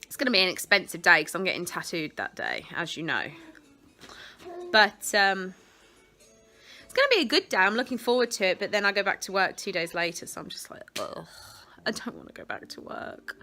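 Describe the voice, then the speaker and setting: Speaking in a pushed, bright voice on the high side, this female vlogger chats at home to her phone camera, which sits clipped on a window ledge. She rambles and keeps interrupting herself mid-thought.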